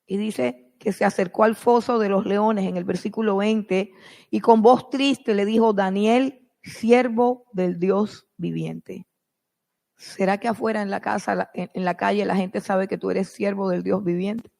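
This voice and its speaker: A preacher delivering a sermon as a dramatic retelling, repeating phrases for emphasis and swinging between loud bursts and hushed drops. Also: medium pitch, steady tone, moderate pace, creaky. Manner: dramatic retelling with sudden swells and drops in loudness. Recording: long reverb of a large hall.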